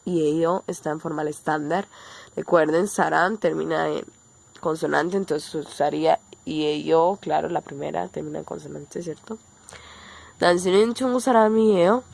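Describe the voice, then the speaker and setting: A woman's voice: low voice, steady tone, normal speed, gravelly, a little mellow. A woman from Colombia with a Colombian Spanish accent, teaching a casual online language lesson and explaining step by step, often checking in with her viewers.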